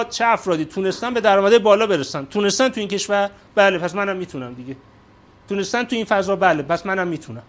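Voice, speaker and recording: High-voiced man leading a workshop. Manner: conversational, addresses listeners directly with questions. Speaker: motivational workshop leader. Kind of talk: talking seminar to a group.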